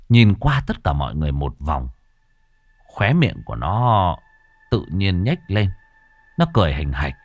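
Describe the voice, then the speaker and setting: A man's voice: deep voice, dry recording. A man telling a ghost story, dramatic and vivid with earthy humor.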